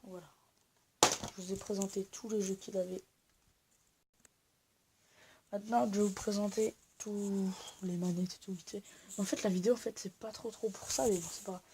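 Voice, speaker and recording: Young female vlogger at home, sick, casual and rambling, dark mellow voice with faint noise behind. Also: medium pitch, fairly even intonation, fairly quick. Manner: rambling with many fillers and restarts. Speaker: YouTuber. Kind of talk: casual home-tour vlog. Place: at home indoors.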